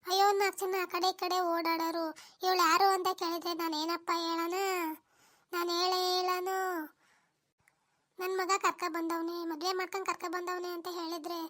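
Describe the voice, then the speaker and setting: Cartoon mother-in-law, very high pitch, bright piercing tone, loud wailing rants. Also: level tone, moderate pace. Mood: wailing scolding. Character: sharp-tongued village mother-in-law, older woman, scolding. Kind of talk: cartoon voice acting.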